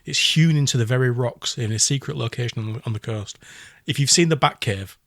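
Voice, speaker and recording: Podcast host, casual and dry-sounding recording. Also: male voice, mid-range voice, a little fast, no echo. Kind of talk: casual joking chat.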